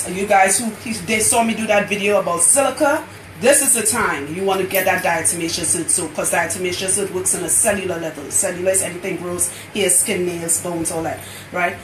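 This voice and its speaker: This salon live stream features a medium-pitched woman with a Trinidadian accent, chatting boisterously and laughing as she works on locs. The poor audio is reverberant, with a little hiss or hum.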